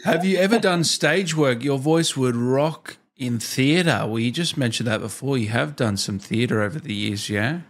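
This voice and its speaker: A man in his thirties hosts a casual interview from a small home studio, asking questions in a chatty way. His mid-range voice moves at a moderate pace with hardly any pauses, picked up by a desk microphone with a headset.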